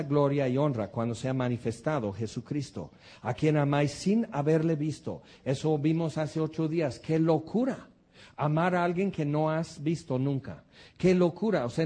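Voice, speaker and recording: A man preaching a sermon, earnest and animated, full of rhetorical questions. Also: on the high side.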